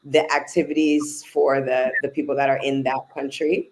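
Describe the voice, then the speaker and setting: A woman's voice: extremely low pitch, flat delivery, moderate pace, a little mellow, a little hiss or hum, poor audio. A woman managing travel bookings, explaining trip options in a casual interview, listing details with fillers.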